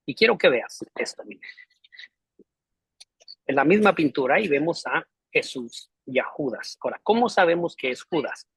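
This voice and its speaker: Pastor guy teaching class, kinda husky voice, higher pitched, dry close sound, earnest and preachy. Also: animated, normal speed, no room sound, poor audio. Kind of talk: storytelling lesson.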